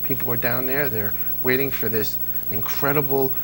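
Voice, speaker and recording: A man hosts a casual, nostalgic interview, telling stories with enthusiasm and restarting often. His medium-pitched voice has fairly even intonation and a moderate pace, with slight background noise on a low-quality recording.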